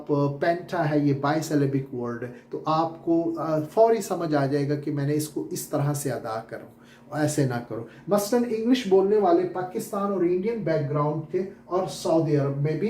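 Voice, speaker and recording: A man teaching English syllables in Urdu, repeating words slowly to correct common mistakes. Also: a little high, warm tone, roomy sound. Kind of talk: classroom lesson on pronunciation. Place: classroom with whiteboard.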